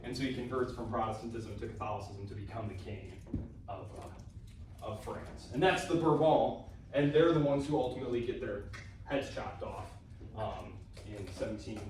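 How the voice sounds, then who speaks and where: A man's voice: medium pitch, normal speed, noisy background. A man giving a casual classroom lecture on history, chatty and informal, full of fillers and asides. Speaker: history instructor. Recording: very echoey room recorded from a distance.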